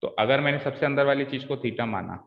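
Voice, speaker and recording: A man's voice: mid-range voice, fairly quick, gravelly. A man teaching a live online maths class, quizzing his students and coaxing them through each step patiently. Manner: quizzes students, calls them "beta" and "bhai". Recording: echoey room, dull lo-fi sound.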